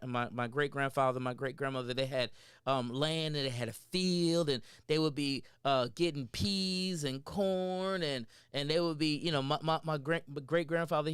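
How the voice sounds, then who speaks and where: A man from South Carolina, co-hosting a relaxed chat, rambling and repeating himself as he talks. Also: mid-range voice, normal speed, clear, resonant tone, dry recording, studio quality. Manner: rambling, repeats words, says "you know what I'm saying". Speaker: podcast co-host. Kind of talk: casual chat.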